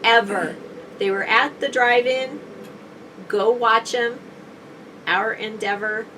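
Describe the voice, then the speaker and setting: A woman's voice: fairly high pitch, takes it slowly. A woman with a stuffy, scratchy throat from allergies, co-hosting a casual RV vlog in an upbeat, chatty way from inside an RV. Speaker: RV vlog co-host. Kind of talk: casual chat. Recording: distant mic with steady background noise.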